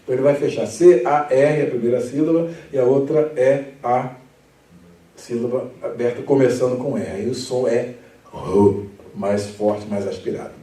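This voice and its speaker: A man, a pastor leading a Bible study lesson, who explains patiently, reads scripture slowly and with emphasis, and chuckles often. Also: medium pitch, warm tone. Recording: echoey room, mic at a distance.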